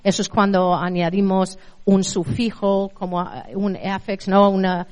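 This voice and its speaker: A middle-aged Spanish woman with a Spanish accent gives a conversational university lecture on translation, often checking in with her audience. Her mid-range, darkish voice is unhurried, and the lo-fi recording carries the reverb of a lecture hall.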